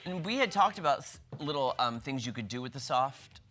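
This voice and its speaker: A man's voice: mid-range voice, lively intonation, fairly quick, fairly bright tone, faint music behind. A man co-hosting a live TV morning show, chatty and playful, breaking into little sung bits. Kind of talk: casual TV morning show chat. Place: TV studio.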